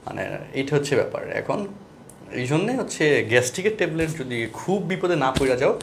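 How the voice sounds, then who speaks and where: A man's voice: a little high, expressive, fast talker, a little hiss or hum. A young man with a Bangladeshi accent teaching an online math class in a chatty, digressive way, often checking in with his students. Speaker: math tutor. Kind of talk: casual online class talk.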